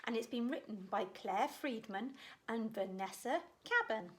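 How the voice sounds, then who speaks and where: A woman reading a children's picture book aloud with animated expression. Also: fairly high pitch, unhurried. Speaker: storyteller.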